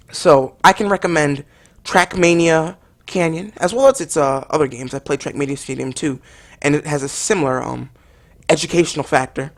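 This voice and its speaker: A woman reviews a game in an overdramatic, mock-earnest parody monologue. Her voice sits a little low for a woman.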